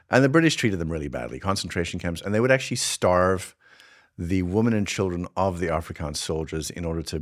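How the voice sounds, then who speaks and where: A man from South Africa with a light South African accent, hosting a podcast and musing aloud in a meandering way with frequent restarts. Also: deep voice. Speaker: podcast host and filmmaker. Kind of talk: casual reflective monologue.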